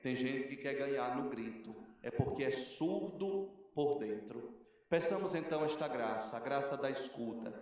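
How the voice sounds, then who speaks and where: A man with a Brazilian Portuguese accent, a parish priest giving a homily in an earnest, measured preaching manner with rhetorical questions, recorded in a cathedral. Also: mid-range voice, expressive, a little mellow. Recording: echoey cathedral, mic at a distance.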